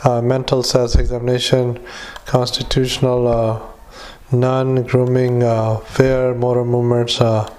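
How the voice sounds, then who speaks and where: A man dictating clinical notes as a clinician, halting often with fillers, speaking in clipped phrases and formal medical dictation style. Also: medium pitch, completely flat delivery, a little mellow. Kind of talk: medical dictation with spoken punctuation.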